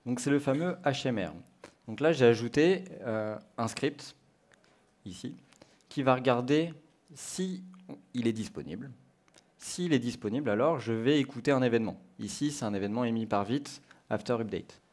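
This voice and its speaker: A man's voice: medium pitch, moderate pace, a little mellow. A man from France giving a conference talk and walking the audience through a live coding demo, thinking aloud step by step. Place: conference stage.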